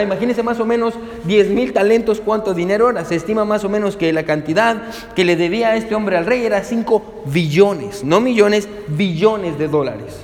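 A male pastor preaches a sermon in a fairly high voice. He keeps putting questions to his listeners and calls them to turn with him to the verses. His words ring on in a long hall echo. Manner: asks the congregation rhetorical questions.

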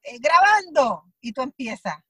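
Woman guest from Puerto Rico, high and lively, dry close recording. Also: normal speed, no echo. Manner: animated, acts out quoted remarks with laughs. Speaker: guest actress. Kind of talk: casual interview chat.

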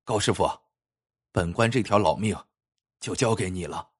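A fretful old prefect, as a storyteller puts him on, his voice dropped low and husky. He begs, then scolds, always worried about his own neck. The storybook official sounds strained and urgent. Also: lively intonation, a little fast. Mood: anxious. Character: anxious older male prefect, official.

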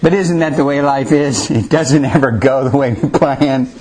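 A man's voice: medium pitch, fairly even intonation, moderate pace, darkish tone, slightly rough. A man preacher reading scripture aloud and telling a story in an earnest sermon. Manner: earnest storytelling with acted quotes.

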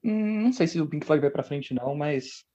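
A man's voice: on the high side, lively intonation, moderate pace, warm tone. A man with a Brazilian Portuguese accent in casual, slangy, teasing podcast banter, on a dull lo-fi mic. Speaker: podcast co-host.

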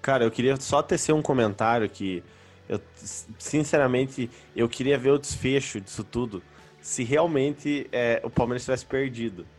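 A man's voice: mid-range voice, moderate pace. A man with a Brazilian accent in a casual sports chat, informal, slangy and opinionated. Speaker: sports podcast panelist. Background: background music.

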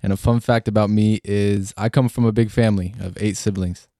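A man's voice: fairly low pitch, fairly even intonation, a little fast, mellow, dry recording, clean studio sound. A man in his twenties from Washington State, introducing himself plainly as a podcast guest. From Washington State, United States. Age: 20s. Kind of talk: casual podcast interview.

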